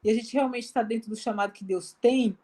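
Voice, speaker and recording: This guest is a missionary woman whose voice is a little high, a little quick, and mellow, with a Brazilian Portuguese accent. Speaking on a live video call, she tells her testimony in a chatty, filler-heavy way and acts out the lines she quotes.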